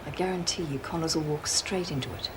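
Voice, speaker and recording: A woman's voice: low voice, fast talker, background noise, natural voice. Surly, scheming woman prisoner, played by an actress. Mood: cold scheming. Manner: terse, surly. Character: cold, surly, scheming female prison inmate. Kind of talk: television prison drama acting.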